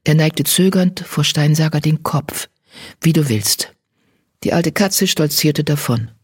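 A narrator reads a story aloud at a steady storytelling pace. The voice is husky, sits at a middle pitch and sounds close and dry. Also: measured pace, dry recording. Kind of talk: scripted audiobook narration.

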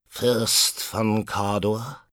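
A man voicing a croaky old witch who speaks in sly, whispered riddles. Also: on the low side, level tone, extremely slow, a bit bright, dry recording, voice pushed up. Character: second witch, croaking giggling old woman.

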